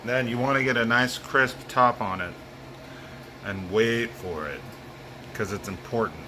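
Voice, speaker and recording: A man's voice: mid-range voice, unhurried, pushed and bright, low-quality recording. A man talking casually through his home cooking in a giggly, loose, tipsy ramble. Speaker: home cook recording a cooking video. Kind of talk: casual cooking vlog talk. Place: home kitchen, indoors. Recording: clear background hum of air conditioning.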